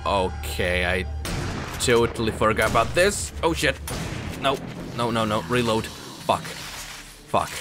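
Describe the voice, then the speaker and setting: A man talks his way through a survival game in an unhurried drawl, swearing and exclaiming as things go wrong and talking back at the screen. Clear game music plays underneath his commentary. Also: fairly low pitch. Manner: excitable, swears a lot, talks to himself and the game. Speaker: gaming channel host. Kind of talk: let's play gameplay commentary.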